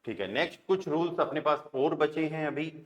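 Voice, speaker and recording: A man's voice: a little high, fairly bright tone. Hindi-speaking man teaching German sounds. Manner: checks understanding often with "right?" and "okay?"; spells words out letter by letter, then sounds them out slowly. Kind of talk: classroom lesson explaining pronunciation.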